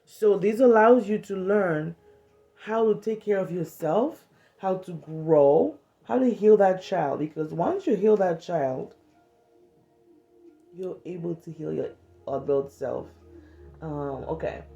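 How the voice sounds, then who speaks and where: Speaking slowly in a fairly low, gravelly voice, a Cameroonian vlogger in her thirties talks frankly and animatedly about healing from trauma, swearing freely and acting out little quoted lines. She records on a phone camera at arm's length in a small bedroom, with lo-fi sound and faint music behind.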